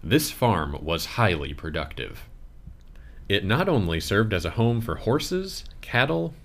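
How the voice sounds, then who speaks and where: A man reading a scripted audio tour narration in a measured, expressive way. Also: on the low side.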